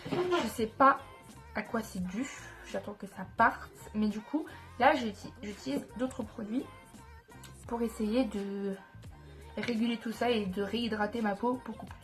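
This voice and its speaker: A woman's voice: fairly high pitch, a little slow, faint music behind. A woman with a congested, nasal voice from a stuffy nose, chatting casually and enthusiastically as a beauty vlogger, often correcting herself as she goes. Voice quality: nasal, blocked-up sound. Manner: informal, enthusiastic about products, self-correcting. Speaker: beauty vlogger presenting skincare products. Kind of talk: casual chat to viewers.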